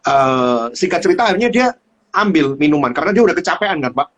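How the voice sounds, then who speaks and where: A man hosting a casual livestream chat, telling a story with animated delivery and lots of fillers. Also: on the high side, fast. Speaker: host. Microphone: livestream phone.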